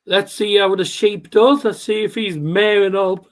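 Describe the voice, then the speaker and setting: A man's voice: sits high, fairly even intonation, unhurried. A man doing casual live darts commentary as a watchalong host, with trouble pronouncing his R sounds. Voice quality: cannot pronounce R sounds properly.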